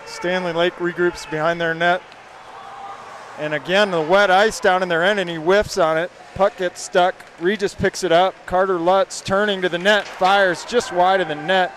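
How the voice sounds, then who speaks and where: A man calling live hockey play-by-play, quickly naming each pass and shot. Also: sits high, fairly even intonation, a bit bright, slight background noise. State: hiccups. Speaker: play-by-play commentator.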